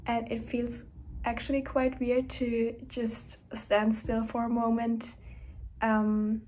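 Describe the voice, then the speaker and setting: In an unhurried, monotone way, a young woman who vlogs as a university student talks through her diary-style video, her gentle, breathy voice often fading into a whisper. Her pitch is slightly high for a woman and stays fairly level, while a faint hiss runs under the rough recording.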